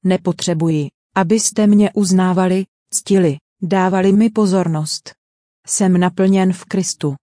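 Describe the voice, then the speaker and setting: A woman's voice: lowish voice, fairly even intonation, warm tone, no room sound, studio quality. A woman giving a dubbed sermon voice-over in an earnest, direct preaching manner.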